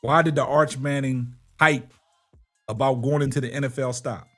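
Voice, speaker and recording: A man's voice: medium pitch, steady tone, moderate pace, fairly bright tone, faint music behind. A man hosting a sports talk show, emphatic and argumentative, firing rhetorical questions and checking in with short tags. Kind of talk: sports commentary and debate with a caller.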